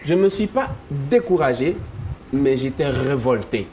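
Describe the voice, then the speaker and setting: A man's voice: medium pitch, measured pace. Laughing man, Yakuba speaker, guitar behind. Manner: animated storytelling, laughing often. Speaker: gospel singer. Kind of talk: casual interview chat.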